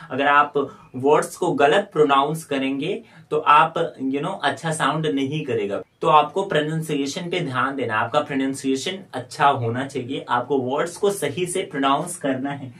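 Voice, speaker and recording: A young man giving a spoken English lesson, explaining step by step and repeating phrases slowly for learners. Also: fairly high pitch, a bit bright. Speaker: English teacher.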